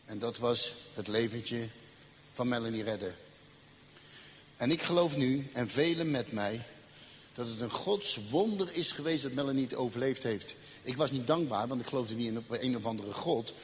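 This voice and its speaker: A man telling a dramatic personal testimony, acting out the dialogue and slowing down for emphasis. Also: medium pitch, a little hiss or hum. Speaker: speaker giving a personal testimony. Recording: faint ambience, long reverb.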